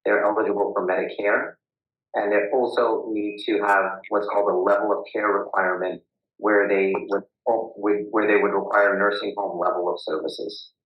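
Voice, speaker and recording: A man gives formal testimony over a video call, stopping often with uhs and ums. His voice is low and muffled, like he is speaking into a tin can. The audio is dull and lo-fi with a roomy echo. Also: flat delivery, moderate pace. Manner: hesitant, restarts with uh and um. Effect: muffled tin-can sound, as if talking into a can. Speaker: witness at a public hearing. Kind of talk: formal testimony with many fillers.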